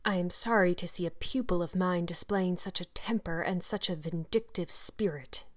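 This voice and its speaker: Storybook part: stern solemn schoolmaster, read by a woman, quiet and grave, smooth voice. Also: lowish voice, fairly even intonation, normal speed, close to an everyday voice. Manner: solemn, reproving.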